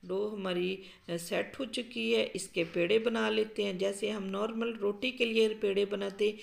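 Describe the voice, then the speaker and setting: Gravelly-voiced woman explaining a recipe. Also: mid-range voice, normal speed. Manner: calm, explanatory, with frequent um fillers. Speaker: cooking show host. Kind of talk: step-by-step cooking instructions. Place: home kitchen.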